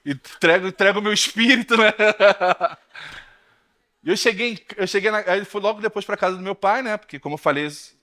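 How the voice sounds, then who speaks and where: High-voiced Brazilian pastor in his thirties. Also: normal speed. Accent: Brazilian Portuguese. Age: 30s. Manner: lively storytelling, addressing the congregation as brothers. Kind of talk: sermon. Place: church.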